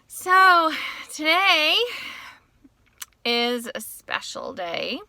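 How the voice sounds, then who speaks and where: Middle-aged woman vlogger, bright and a little high, unhurried and emotional, in her car. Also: big pitch swings, vocal fry, no echo. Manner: emotional, tearful at times, rambling. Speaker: author and teacher. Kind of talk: casual personal vlog. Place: parked car.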